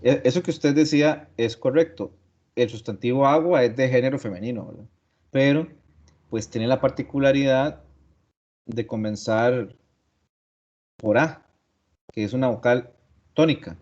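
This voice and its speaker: A man's voice: medium pitch, a little slow, long pauses, a little mellow. Man lecturing with a dull lo-fi sound. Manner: explains step by step, repeats key words, asks rhetorical questions. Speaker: teacher. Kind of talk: online class lecture. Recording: dull lo-fi audio.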